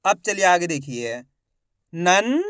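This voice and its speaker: A man's voice: sits high, very animated, fairly bright tone, smooth, no room sound. A man teaching reading online, sounding out each word syllable by syllable and repeating it, with friendly asides to viewers. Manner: addresses viewers as friends, gives brisk instructions. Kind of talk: online phonics lesson.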